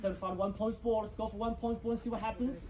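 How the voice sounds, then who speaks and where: Very high-pitched male property auctioneer. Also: steady tone, very fast, crowd noise. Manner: showy, rallying patter urging bidders. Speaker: real estate auctioneer. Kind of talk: live auction calling, repeating bid amounts. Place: live property auction before a crowd.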